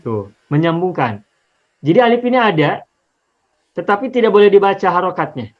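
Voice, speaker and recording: A man's voice: high voice, sing-song, moderate pace, highs cut off. A man teaching an Arabic linguistics lesson on the Quran, explaining patiently step by step and repeating examples.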